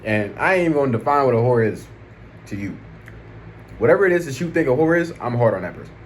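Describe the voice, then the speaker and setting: A man's voice: mid-range voice, animated, fast. An American man talking in a casual, slangy way, rambling through his opinions like a vlogger and often checking in with the listener. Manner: slangy, conversational, frequent check-in tags. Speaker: vlog host. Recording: noticeable background noise.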